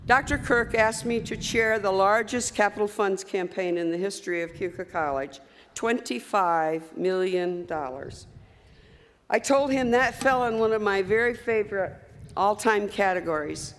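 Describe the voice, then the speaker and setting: A woman's voice: mid-range voice, moderate pace. An older woman giving a commencement speech, telling folksy stories with asides to the graduates. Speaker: commencement speaker. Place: large hall at a graduation ceremony. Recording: reverberant hall with faint ambience.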